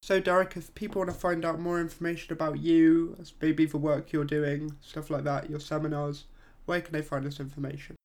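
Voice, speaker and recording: A man's voice: a little high, level tone, fairly quick, a little mellow. A man hosting a podcast, putting conversational questions to his guest. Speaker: podcast host. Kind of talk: interview questions.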